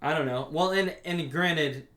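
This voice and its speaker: A man's voice: on the high side, fairly bright tone. A man co-hosting a casual podcast, rambling with many restarts and some swearing, sometimes acting out characters' lines. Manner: acts out characters' lines in quick asides. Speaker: podcast co-host. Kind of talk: casual podcast chat about anime. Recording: roomy echo.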